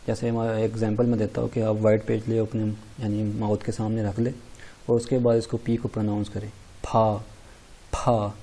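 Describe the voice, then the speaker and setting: A man teaching a language lesson over slides, explaining in a steady tone and often repeating himself. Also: lowish voice, poor audio. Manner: steady explaining tone, repeats points, frequent "theek hai". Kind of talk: slide lecture in Urdu.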